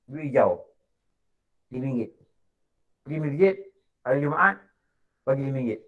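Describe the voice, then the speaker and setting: A man's voice: medium pitch, animated, moderate pace, phone-quality sound. A Malaysian man teaching a morning lecture in a prayer hall, telling stories in casual speech and acting out the dialogue. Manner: colloquial storytelling, acts out dialogue. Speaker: religious teacher. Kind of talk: mosque lecture.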